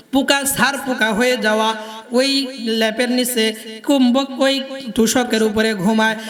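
A man's voice: very high-pitched, bright, forceful tone, in a large hall. A man preaching a sermon in a Jamalpur Bengali accent, in a singsong delivery that keeps quizzing the crowd.

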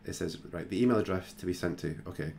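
Deep gravelly male tutorial voice. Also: fast, darkish tone, slight background noise. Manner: casual, thinking aloud with many fillers. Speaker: tutorial host. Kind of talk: screen-recorded software tutorial.

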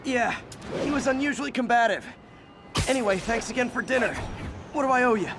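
A man's voice: very high voice, a little fast. A man playing an earnest, kind young American superhero in a video game, with a hesitant, boyish, self-effacing way of talking. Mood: friendly, hesitant. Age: young adult. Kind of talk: cinematic video game acting. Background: background music.

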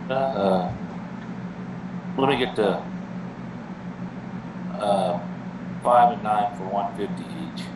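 A man making casual, halting bet requests as a player at a craps table. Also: on the low side. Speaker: craps player placing bets. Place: indoor room at a craps table. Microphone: distant from the speaker. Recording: distant echoey room, noisy air-conditioning hum.

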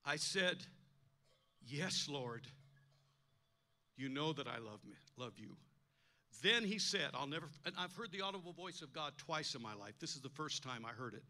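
A slightly high, bright, pushed male voice with lively intonation moves at a moderate pace, broken by long pauses. He is an older pastor preaching in church, recounting a personal story emphatically, voicing the people he quotes and frequently repeating words.

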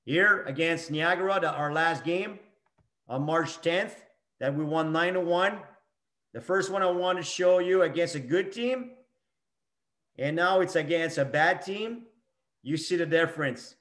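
Commenting over game footage, a middle-aged man who coaches hockey speaks in brief, forceful bursts and hammers home his main points through repetition. His voice is a little high and fairly bright, delivered at a measured pace.

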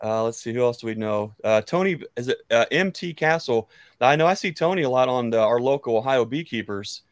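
Close to an arm-mounted studio mic in his book-lined home, a thirtysomething American man guests on a live chat as a beekeeper. His casual, friendly talk wanders and hesitates, delivered in an animated, mid-range voice that runs a little fast with no echo.

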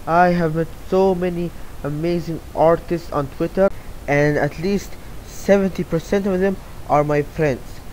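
On poor, rough audio with a touch of background noise, a young Saudi artist answers read-out questions about his work casually and ramblingly, with lots of fillers and restarts. He talks a little slowly in a slightly high, slightly mellow voice with fairly even intonation.

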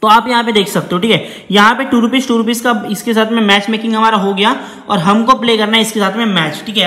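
A man's voice: high-pitched, bright, forceful tone. A man chattily walking viewers through a phone app as he taps through it, often calling them brother. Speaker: app reviewer. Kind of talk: screen-recorded app walkthrough. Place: indoor room, table with phone. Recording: echoey room with long reverb.

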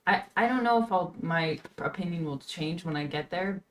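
Twenties woman with a low voice, hosting a casual home podcast, thinks out loud. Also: expressive, moderate pace, a little hiss or hum. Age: 20s. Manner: earnest, thinks aloud. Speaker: podcast host. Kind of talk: casual chat. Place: home streaming room.

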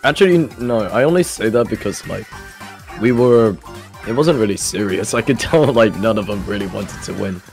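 A man playing an online game alongside a friend, chatting casually, excitable and quick to yelp and laugh. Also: fairly low pitch, faint music behind. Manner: excitable, yelps and laughs during play. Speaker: co-player. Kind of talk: casual gaming chat.

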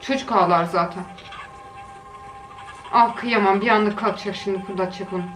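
A woman's voice: mid-range voice, steady tone, normal speed, a bit bright, faint music behind. A woman giving casual reaction commentary on funny videos, chatting and cooing doting exclamations at what she watches. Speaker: video creator. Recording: echoey room with faint noise.

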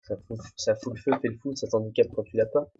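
A man's voice: fairly low pitch, fairly even intonation, fast talker, warm tone, breathy edge. Rambling young man in muffled recording. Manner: rambling, self-mocking, talks to himself. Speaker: let's play host. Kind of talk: casual solo gameplay commentary. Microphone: desk microphone, no headphones. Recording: dull, muffled home recording.

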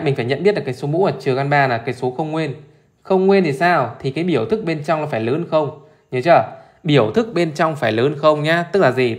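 His voice sits in an ordinary mid-range as this male math teacher solves exam questions live. The pace is brisk and informal, broken up by frequent checks that listeners are keeping up and the same short prompts said again and again.

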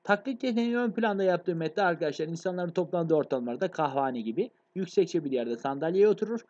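Fast-talking man teaching a review lesson. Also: on the high side, animated, darkish tone, dull audio. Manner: fast, addresses students as friends, frequent checks. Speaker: literature teacher. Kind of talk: exam review lecture.

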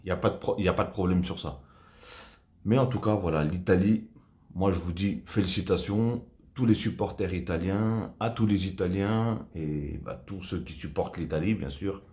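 A man's voice: low-pitched, normal speed, mellow. A man in his thirties giving a casual, chatty football match debrief to camera from a small room at home, full of fillers and repeated words. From Portuguese heritage. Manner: chatty, repetitive fillers, enthusiastic. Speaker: football vlogger.

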